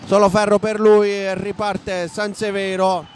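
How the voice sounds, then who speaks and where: A man with an Italian accent giving live basketball play-by-play commentary from a sports hall, raising his voice excitedly at big plays. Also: high voice, measured pace. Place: indoor basketball arena. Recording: noisy sports hall ambience.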